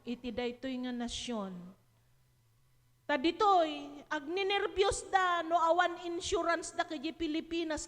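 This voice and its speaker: A woman's voice: high voice, fairly bright tone. A woman pastor with an Ilocano accent preaching a sermon, moving between Ilocano and English with rising emphasis. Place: church hall. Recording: hall reverb.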